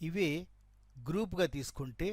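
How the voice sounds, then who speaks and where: A man with a high, darkish voice teaches a shorthand class at a moderate pace, mixing Telugu and English with no echo. He explains each stroke step by step as he draws it, repeats terms, and checks that students follow with "right?".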